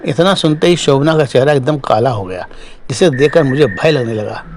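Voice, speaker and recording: A man's voice: medium pitch, moderate pace, a little hiss or hum. Man narrating a horror story. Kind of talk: scripted first-person narration.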